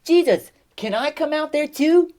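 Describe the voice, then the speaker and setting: A woman voicing Peter as an eager, excitable grown man calling out in a raised voice. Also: high-pitched, takes it slowly, pitched above the performer's own voice, full character voice. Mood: excited.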